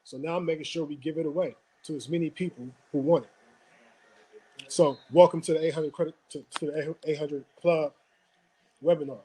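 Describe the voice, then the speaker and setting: A man hosting a motivational webinar, telling a story and often checking in with a quick "right?". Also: fairly high pitch, fairly even intonation, warm tone, slightly rough, low-quality recording. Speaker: webinar host.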